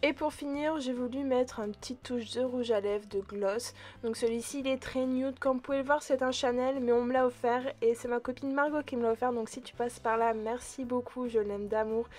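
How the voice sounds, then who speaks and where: A woman with a fairly high voice talks through her makeup routine in a relaxed, friendly vlog tone. She hesitates often and chats directly to her viewers as if they were friends. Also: moderate pace, few pauses, soft background music. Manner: chatty, relaxed, frequent hesitations. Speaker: beauty vlogger. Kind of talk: casual makeup tutorial narration.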